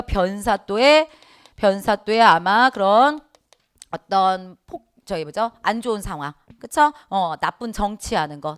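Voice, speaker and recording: A middle-aged woman teaching a Korean exam prep lecture, lively, asking the class questions and answering them herself. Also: mid-range voice, clean tone. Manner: acts out quoted dialogue in voices. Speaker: Korean language exam instructor. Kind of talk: online lecture.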